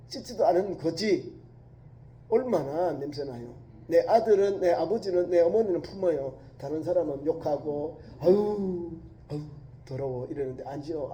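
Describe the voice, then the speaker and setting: A male pastor preaching a sermon, telling a story with emphasis and dropping from loud to hushed. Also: a little high. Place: church sanctuary. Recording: echoey church hall.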